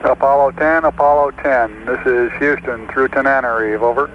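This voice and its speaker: A man's voice: mid-range voice, steady tone, normal speed. A man from mission control making a clipped, raised call to a spacecraft, heard through a crackly, fading long-distance radio relay. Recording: muffled radio link with heavy static.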